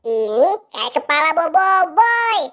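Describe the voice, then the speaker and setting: A woman voicing an eager, helpful little cartoon boy in a high, childlike, sing-song voice. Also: sing-song, slow, a bit bright, full character voice. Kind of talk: cartoon-style kids' voice acting.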